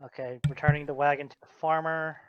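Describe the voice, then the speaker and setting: A man's voice: a little high, level tone, fast, a crowd in the background. Wry male player on a dull mic. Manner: wry, joking banter. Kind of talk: casual tabletop game chat.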